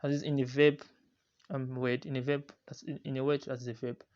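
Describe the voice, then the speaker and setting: A man's voice: mid-range voice, flat delivery, darkish tone. A man teaching the rules of Quran recitation in a lesson, often stopping to repeat himself and restart his sentences. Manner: halting, repeats and restarts, drawn-out Arabic recitation terms. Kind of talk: religious lesson explaining a poem. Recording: dull lo-fi recording.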